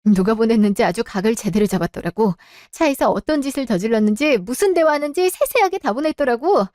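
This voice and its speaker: A woman acting in a radio drama, confronting in a sharp, cold way. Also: a little high, lively intonation, fast talker, no room sound, clean studio sound. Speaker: voice actor.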